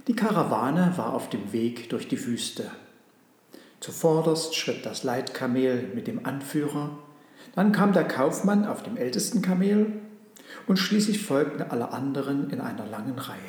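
A man's voice: medium pitch, a little mellow. Man reading a storybook, echoey room. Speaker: narrator.

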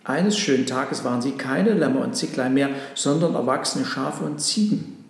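Male storyteller, gentle measured narration, echoey hall, long reverb. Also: medium pitch, creaky.

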